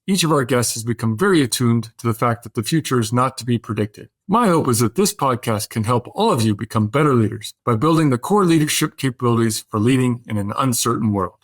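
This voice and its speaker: A man hosting a podcast, reading a scripted intro and then asking measured questions with a few "uh" fillers. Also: mid-range voice. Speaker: podcast host.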